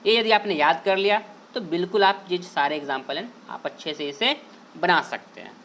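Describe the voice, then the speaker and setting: A man teaching a grammar lesson to students over on-screen slides. He asks a question, answers it himself, repeats the main points and drags key words out slowly. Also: sits high, bright, forceful tone, a little hiss or hum. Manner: drawls out key words slowly to stress them; addresses students fondly and directly. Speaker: online English teacher.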